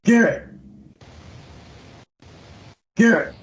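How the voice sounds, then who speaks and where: A man chatting casually on a group call, animated and halting, with drawn-out phrases. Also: dull audio, a little hiss or hum.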